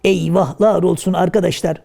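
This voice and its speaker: A man's voice: high-pitched, fairly even intonation, normal speed, gravelly, warm tone. A man voicing Karagöz, a blunt, clumsy comic everyman in a traditional shadow puppet play, plain-spoken and whiny. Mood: joking.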